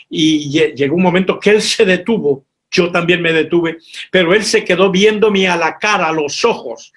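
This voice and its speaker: A man's voice: a little high, a bit bright. A reverend telling a missionary testimony from the pulpit, speaking with strong emotion, repeating his words and calling his listeners brothers and sisters.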